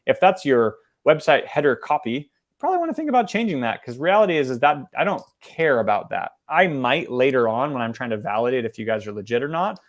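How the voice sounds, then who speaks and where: A man walks through a business marketing lesson at a quick, energetic clip. He talks casually, full of fillers and restarts, with a voice of middling pitch. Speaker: marketing presenter. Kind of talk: webinar presentation.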